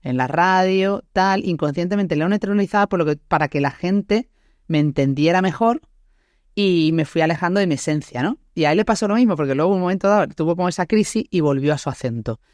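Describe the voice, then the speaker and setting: A woman's voice: lowish voice, fairly quick, darkish tone, no room sound, studio quality. A woman with an Andalusian accent hosting a podcast interview, thinking aloud in a reflective way. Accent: Andalusian Spanish. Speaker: podcast host. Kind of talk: casual interview chat.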